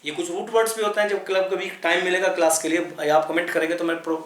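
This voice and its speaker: High-voiced man teaching vocabulary, echoey room. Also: flat delivery, fast, a bit bright. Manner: repetitive, explanatory, spells words letter by letter. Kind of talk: explaining lesson in Hindi at a chart.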